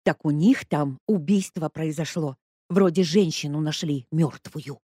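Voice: mid-range voice, a little slow, warm tone, slightly rough, no room sound. Gossiping old woman, voiced by a narrator, folksy and eager; dry recording.

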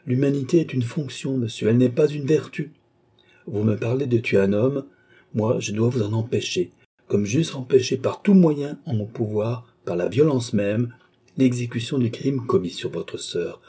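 A man's voice: medium pitch, moderate pace, warm tone, slightly rough, lightly acted. A man voicing a grave older doctor in a novel reading, exhorting with solemn authority. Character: stern older male doctor, grave moralist. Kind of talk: audiobook character voice.

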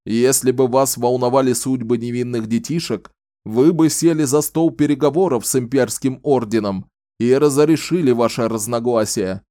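A man's voice: mid-range voice, warm tone, no echo, studio quality, lightly acted. An actor playing an impassioned male orator who harangues a crowd, pleading and declaiming.

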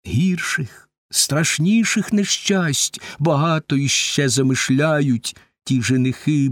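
Man as a cautious herald, earnest and slow, dry audiobook sound. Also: medium pitch, no echo, lightly acted. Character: sensible male herald, worried and cautious.

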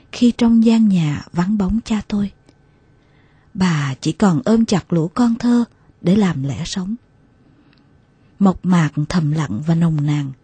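A woman narrating a memoir audiobook in a slow, soft, emotional way, with passages dropping to a hush. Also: lowish voice, slightly rough, no room sound, rough recording.

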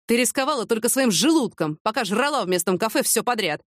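A woman's voice: on the high side, lively intonation, fast talker, dry recording, studio quality, voice pushed up, natural voice. A woman reading as a sarcastic police colonel. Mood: mocking. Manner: sarcastic, teasing. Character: mocking gruff middle-aged police colonel.

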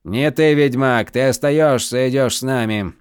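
A guard captain savoring a captive's arrival, stretching each courteous word before snapping out orders, as a man puts him on. The voice is slow and a little raised, with a dry, close sound. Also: medium pitch, smooth, no room sound, lightly acted. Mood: mock-polite. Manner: drawn-out, mock-courteous. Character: male guard captain, mock-polite, commanding.

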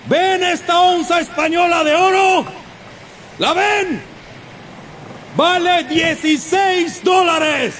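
A man's voice: very high voice, a bit bright, slight background noise, full character voice. An actor playing a vengeful one-legged sea captain in a radio drama, roaring and commanding his crew. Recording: radio drama with crowd and sound effects.

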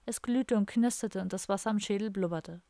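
A woman narrating an audiobook in a steady, even storytelling manner. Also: medium pitch, brisk, no room sound, studio quality. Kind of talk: scripted narration.

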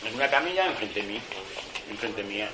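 A man's voice: lowish voice, a little fast, background noise. A man recounting his own experiences in a casual, colloquial way, blunt and full of slang and swearing, restarting his sentences as he goes. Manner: animated retelling, with many restarts. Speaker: former prisoner giving a testimony. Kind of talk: casual spoken storytelling.

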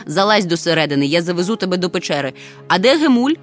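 A woman voicing a bustling father creature in an audiobook, calling out brisk orders. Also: on the low side, very animated, soft background music.

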